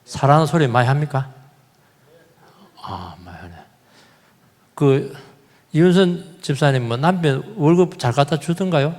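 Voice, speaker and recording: A male pastor preaching a sermon in a church, animated, repeating key words and putting questions to the congregation. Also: fairly high pitch, measured pace, pauses often, in a large hall. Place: church sanctuary.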